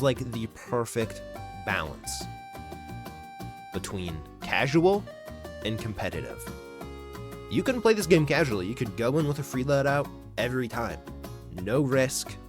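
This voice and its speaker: A man giving casual, enthusiastic game review commentary, swearing now and then. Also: mid-range voice. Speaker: gaming commentator. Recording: voice-over with clear background music.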